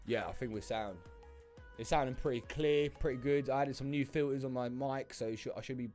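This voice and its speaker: A man's voice: medium pitch, fairly quick, a little mellow, faint music behind. A young man hosting a trading livestream from his home desk, chatting casually through a desk microphone, full of fillers and greetings to viewers.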